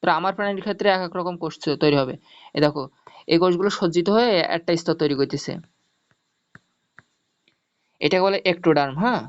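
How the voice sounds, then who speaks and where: A man's voice: a little high, fast talker, clear, resonant tone. A male teacher gives an online zoology lesson, explaining step by step, repeating mnemonics and checking that students follow. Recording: dull lo-fi audio.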